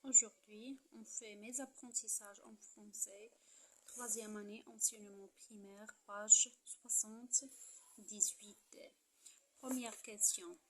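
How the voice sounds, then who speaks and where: A middle-aged woman with a Moroccan accent teaching a primary-school lesson, repeating each word slowly and stressing its syllables. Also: mid-range voice, steady tone, fairly bright tone.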